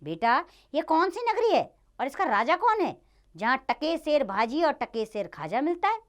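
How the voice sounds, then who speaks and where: A woman's voice: sits high, very animated, moderate pace, pitched above the performer's own voice. A woman voicing a wise old male guru who earnestly warns his disciple in a children's play reading. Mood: advising. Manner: earnest, advising.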